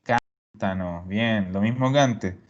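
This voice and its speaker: A man's voice: mid-range voice, lively intonation, a little slow, a little mellow. A man teaching a grammar class, explaining step by step and patiently repeating his students' answers. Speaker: Italian teacher. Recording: dull lo-fi recording.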